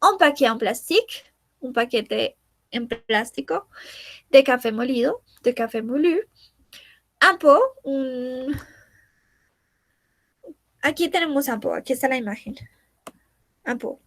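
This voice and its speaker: Female teacher, high voice, unhurried, repeats and translates each word, dry close mic. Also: lively intonation, dry recording. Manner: repeats words slowly, translating each one. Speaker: French teacher. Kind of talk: bilingual language lesson.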